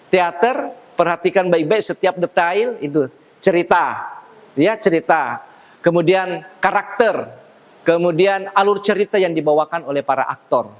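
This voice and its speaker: A man teaching theater appreciation in a lecture room, lively and quick to laugh. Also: high voice. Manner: lively, acts out stage lines, laughs often. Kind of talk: classroom lecture. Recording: long hall reverb.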